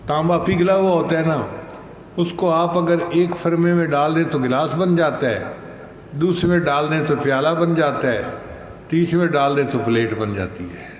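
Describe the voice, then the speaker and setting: An older man giving a slow, measured sermon, telling stories and reciting Arabic verses. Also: a little high. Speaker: religious scholar. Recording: echoey hall with faint noise.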